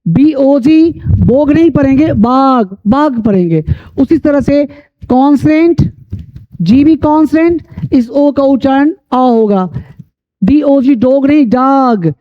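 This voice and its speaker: Guy teaching english sounds, highish voice, kinda dull lo-fi audio. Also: animated. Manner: repeats rules and spells out letters slowly. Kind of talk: classroom-style lesson.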